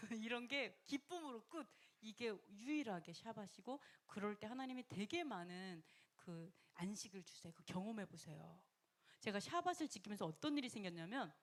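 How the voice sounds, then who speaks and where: A woman preaching a sermon in a lively, conversational way, often laughing and acting out quoted voices, sometimes dropping to a whisper. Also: mid-range voice. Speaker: pastor.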